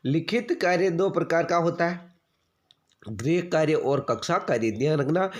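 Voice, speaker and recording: A young man with a slightly high voice delivers an exam-prep lesson. He drills his listeners by asking a question, answering it himself and repeating the fact, and he keeps calling them friends. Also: animated, a little slow. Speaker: teacher.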